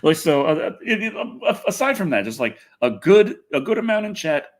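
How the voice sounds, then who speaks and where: His voice sits a little high, and he keeps a moderate pace while hosting a casual gaming and film news stream. The man rambles animatedly and tends to interrupt his own sentences.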